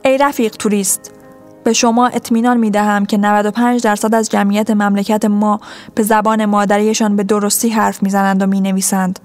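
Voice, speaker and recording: A woman's voice: medium pitch, level tone, darkish tone, soft background music, natural voice. A woman voicing a polite, patient male policeman who explains things formally in a storybook reading.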